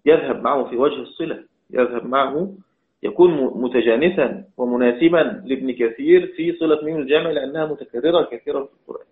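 A man teaching Quran recitation gives a religious lesson in a fast, mid-range voice. He asks questions aloud, then answers them, repeating each point for emphasis. The sound is echoey and tinny, like a phone.

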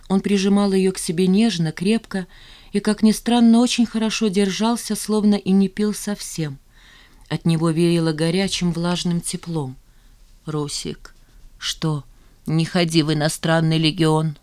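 Steady audiobook narrator. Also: mid-range voice. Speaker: audiobook reader. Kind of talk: scripted narration of a novel.

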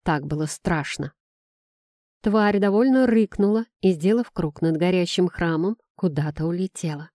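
A woman narrating a first-person fantasy audiobook in a measured, expressive storytelling manner. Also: lowish voice, no echo, studio quality.

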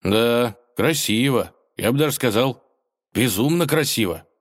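A man's voice: mid-range voice, lively intonation, measured pace, pitched above the performer's own voice. A man voicing Ivan, a dizzy, lovesick young hero in a storybook tale, who mumbles. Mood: eager.

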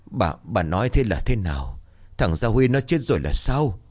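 A man's voice: fairly low pitch, very animated, moderate pace, darkish tone. A man voicing an ailing old man in a wheelchair, the stern, commanding head of the household. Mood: angry.

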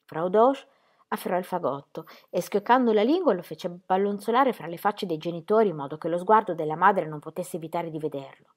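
Woman audiobook reader, low-pitched, measured and expressive narration. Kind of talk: reading a novel aloud.

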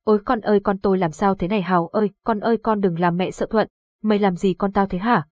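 A woman's voice: mid-range voice, fairly even intonation, fast, a little mellow, no echo, muffled recording, close to an everyday voice. A woman doing a fretful village mother. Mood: anxious. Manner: fretful, wailing. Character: frightened middle-aged village mother.

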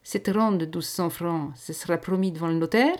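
A woman voicing a cautious peasant man who speaks slowly and weightily in rustic speech. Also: fairly low pitch, a little mellow, natural voice. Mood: sententious. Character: sententious old-style peasant man, cautious.

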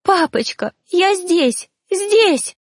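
A woman's voice: moderate pace, mellow, husky, no room sound, clean studio sound. A woman voicing a sobbing young ghost girl. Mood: sobbing, pleading. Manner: high, tearful, pleading cries.

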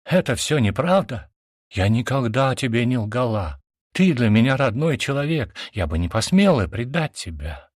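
A man voicing a young woman who pleads softly and desperately with her brother in a storybook reading. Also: mid-range voice, sing-song, normal speed, dry recording, studio quality, pitched above the performer's own voice. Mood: pleading.

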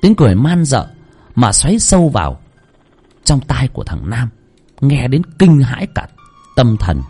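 A man's voice: medium pitch, sing-song, normal speed, warm tone, breathy edge. A man narrating a ghost story with a dramatic, tense delivery.

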